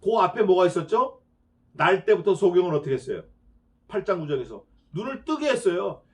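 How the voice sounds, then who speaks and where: A high-pitched man preaching an expository sermon from the pulpit. He presses his points with rhetorical questions, dropping to quiet asides and then rising to loud, emphatic declarations. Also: sing-song, fairly quick. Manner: dramatizes quoted speech. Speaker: pastor.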